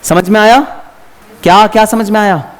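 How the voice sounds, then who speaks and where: A man teaching an exam revision lecture, chatty and lively, talking straight to his students. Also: high voice, normal speed. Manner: lively, chatty, addresses students by name, mixes English terms.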